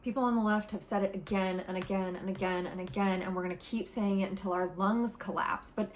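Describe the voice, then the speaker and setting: A woman's voice: medium pitch, fairly even intonation, a little fast, a little hiss or hum. Passionate woman giving opinion commentary. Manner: passionate, emphatic, repeats points for stress. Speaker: political commentary vlogger. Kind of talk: opinionated direct-to-camera commentary.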